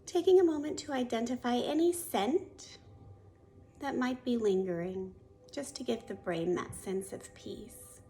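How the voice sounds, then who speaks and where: Leading a guided meditation, this yoga teacher uses a slightly high, soft and soothing voice, gently instructing and often fading into a breathy near-whisper. Her pace is a little slow, with slight background noise.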